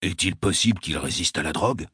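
A man reading an audiobook, voicing a nervous, scornful male conspirator with a raspy voice. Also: low voice, lively intonation, a little fast, pushed and bright, dry recording, clean studio sound, exaggerated voice. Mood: suspicious. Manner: scoffing, jittery outbursts. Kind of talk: audiobook character voice.

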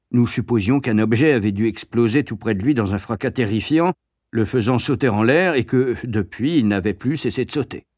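A man's voice: mid-range voice, darkish tone, dry recording, studio quality. Wry male memoir narrator. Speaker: audiobook narrator.

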